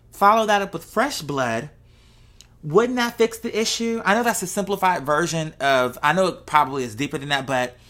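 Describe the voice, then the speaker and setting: Her voice is fairly low in pitch with a fairly bright tone. The speaker is a woman vlogger chatting off the cuff to her viewers, rambling and thinking aloud while tossing in rhetorical questions to check in with them.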